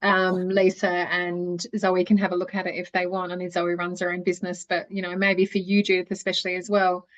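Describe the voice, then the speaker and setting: A woman's voice: fairly low pitch, completely flat delivery, a little fast, few pauses. A woman yoga teacher trainer talking in a group video call, rambling and encouraging with lots of fillers, over a muffled bad connection. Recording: dull lo-fi video call audio.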